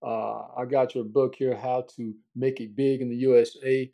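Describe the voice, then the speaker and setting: A man's voice: mid-range voice, level tone, moderate pace, gravelly, lo-fi sound. A man hosting a motivational podcast, speaking as a coach with emphatic, repeated phrasing.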